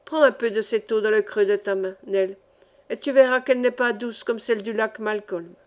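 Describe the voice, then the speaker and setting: Harry, a woman doing a gentle young miner. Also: fairly high pitch, normal speed, lightly acted. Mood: gently explaining. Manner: calm, explaining gently.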